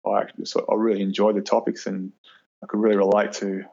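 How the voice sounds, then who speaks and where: A man's voice: fairly low pitch, level tone, fast talker, creaky, warm tone, lo-fi sound. A man in his forties with an Australian accent, a guest talking casually and emphatically in an interview. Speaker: podcast guest, reliability engineer with PhD.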